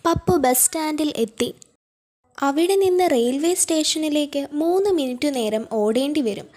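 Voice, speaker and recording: A woman reads a novel aloud for an audiobook in a steady storytelling manner. Her voice sits notably high. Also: normal speed. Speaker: audiobook narrator. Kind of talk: scripted narration.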